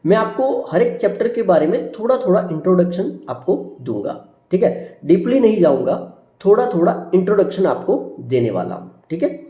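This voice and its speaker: A male engineering lecturer with a slightly raised, soft, mellow voice, recorded in a roomy, echoing space. He reads out technical one by one, each dropping at the end. He keeps tagging "ठीक है" onto his points and calls his viewers friends. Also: sits high, big pitch swings, moderate pace, highs cut off. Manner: addresses viewers as friends, repeats "ठीक है" constantly; lists terms one by one, falling at each item. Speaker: engineering teacher. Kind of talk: subject introduction lecture over slides.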